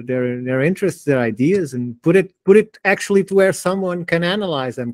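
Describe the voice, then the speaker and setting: A man's voice: on the high side, dry recording. A man co-hosting a casual online chat over a video call, speaking in an earnest, encouraging way.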